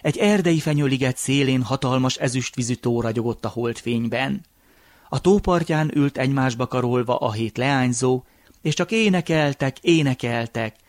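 A man narrating a folk tale in a measured, unhurried way. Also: mid-range voice, no echo. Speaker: storyteller.

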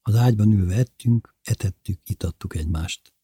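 A man narrates a literary story in the first person, calm and measured. His voice is low, dark and very husky. The recording is dry and close, with no room sound. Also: no room sound.

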